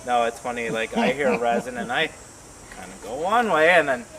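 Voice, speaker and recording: A man's voice: medium pitch, very animated, moderate pace, crowd noise. A man hosting a casual homebrewing vlog, rambling and thinking aloud with lots of fillers, recorded on a porch. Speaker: homebrewer host.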